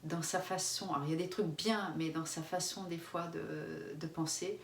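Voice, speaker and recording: A woman's voice: sits low, steady tone, moderate pace, vocal fry. A middle-aged woman from France chatting candidly as a vlogger, with casual fillers. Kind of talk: casual chat. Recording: echoey room, mic far off, faint hiss.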